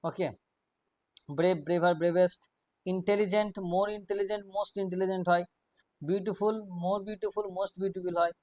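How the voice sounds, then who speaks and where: A man teaching an English grammar class, explaining rules step by step, quizzing his students and reading example sentences out slowly. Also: high voice, little pitch movement, a little mellow, no room sound, studio quality.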